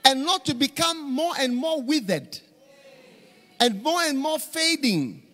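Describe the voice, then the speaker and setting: A middle-aged man with a very high voice preaches a conference sermon from a large church stage, speaking unhurriedly into a handheld mic. His storytelling is animated and full of repeated phrases, and the hall's reverb rings through the recording.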